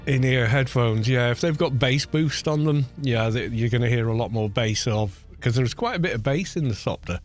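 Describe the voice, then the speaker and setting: A relaxed baritone streamer talks at a moderate pace with few pauses, giving casual commentary on his game and muttering to himself between comments. Game music plays behind him, and his studio mic uses a low cut.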